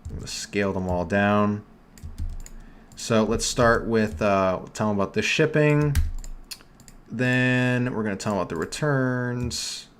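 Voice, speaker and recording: A fairly low-pitched young man with a New York accent hosts a casual live tutorial, chatting to viewers and fixing slips as he goes. Faint keyboard typing sits behind his desk mic. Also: a little slow, slight background noise. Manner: chatty, self-correcting, talks to chat while working. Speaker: livestream host teaching online store building.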